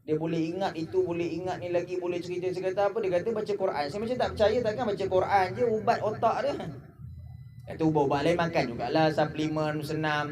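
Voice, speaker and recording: In a mosque, a Malaysian preacher gives a humorous Ramadan lecture, telling jokey stories and mimicking characters. His voice sits high with a steady tone, he talks fast, and crowd noise can be heard.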